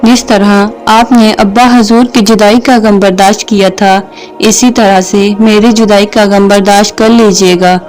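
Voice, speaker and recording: A woman voicing a gentle, patient young mother near death, speaking tenderly and tearfully. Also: mid-range voice, fairly even intonation, faint music behind, natural voice.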